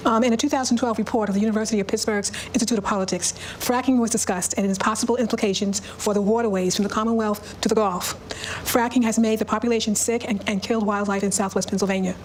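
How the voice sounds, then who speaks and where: A woman in the town hall audience reads out a formal question, but sped-up playback turns her voice chipmunk-like and quick. She sounds mid-pitched under the squeak, with a faint hum of room behind her. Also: steady tone. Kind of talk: reading a prepared question.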